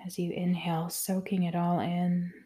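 A woman leading a guided meditation in a soft, soothing voice that often drops to a whisper. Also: lowish voice, completely flat delivery, moderate pace, husky.

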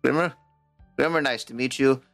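A man's voice: mid-range voice, moderate pace, creaky, fairly bright tone, soft background music, voice pushed up. A man voicing a jovial, boastful male gnome blacksmith in a tabletop game. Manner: cheerful, bragging, playful. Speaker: game master voicing a shopkeeper.

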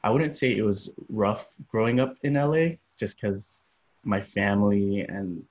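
A young man from Los Angeles, a podcast guest, talking about his upbringing in a relaxed, rambling way with many fillers. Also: lowish voice, measured pace. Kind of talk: casual interview. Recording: dull lo-fi audio.

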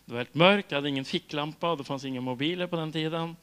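A man's voice: fairly high pitch, smooth. A middle-aged Swedish man preaching a sermon, telling stories with laughs and acting out dialogue. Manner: lively storytelling with laughs and acted-out dialogue. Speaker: pastor.

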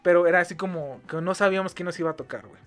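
A man's voice: sits high, rapid-fire, faint music behind. A man with a Mexican accent telling an anecdote in casual chat, laughing often and acting out quotes.

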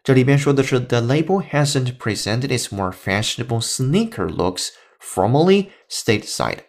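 A man's voice: medium pitch, animated, moderate pace. A man hosting a podcast English lesson, explaining step by step and spelling words out letter by letter. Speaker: English teacher.

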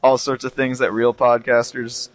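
A man's voice: medium pitch, monotone, normal speed, low-quality recording. A man hosting a podcast in a casual chat, wordy and wry with a self-deprecating way of talking. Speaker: podcast host.

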